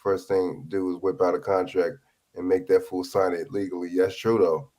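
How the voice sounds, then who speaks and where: Laid-back man with a low voice. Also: flat delivery, normal speed, dark tone. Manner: laid-back, chuckling, agreeing a lot, heavy on slang. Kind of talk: casual discussion.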